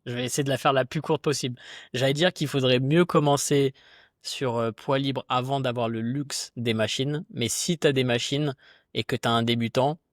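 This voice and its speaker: A man's voice: medium pitch, normal speed, no room sound. Chatty male fitness coach, dry close sound. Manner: chatty, relaxed, slangy, lots of fillers. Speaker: podcast guest, fitness coach. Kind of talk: casual conversation.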